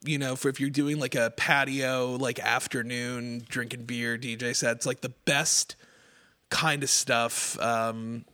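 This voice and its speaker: A man's voice: mid-range voice, little pitch movement, a little slow, pushed and bright. A middle-aged man from Quebec hosting a radio music show, chatting casually about records with many fillers and "like"s. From Quebec, Canada. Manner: rambling, filler-heavy, many "like"s. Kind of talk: casual on-air chat.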